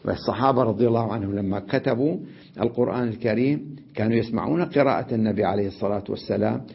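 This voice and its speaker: A man teaching an Arabic grammar lesson on Quranic recitation, explaining patiently, often checking understanding and slowing down to demonstrate how words are recited. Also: fairly low pitch, gravelly, husky. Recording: dull lo-fi lesson recording.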